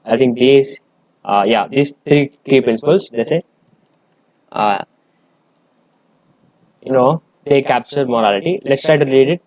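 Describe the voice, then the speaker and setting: A man's voice: mid-range voice, measured pace, long pauses, a little mellow, no echo, poor audio. Hesitant man reading a paper aloud, dry. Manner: hesitant, many fillers and restarts. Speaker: channel host explaining a research paper.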